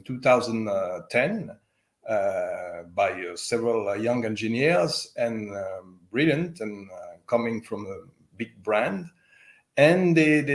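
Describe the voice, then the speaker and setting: A loudspeaker company owner with a French accent, answering interview questions haltingly with many fillers and restarts. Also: male voice, medium pitch. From French-speaking Switzerland.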